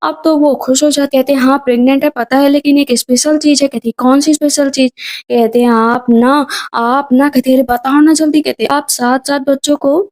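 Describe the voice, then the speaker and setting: A woman narrating a drama recap, quickly retelling the plot and voicing the characters' lines in quotes. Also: sits high, fairly even intonation, a little mellow.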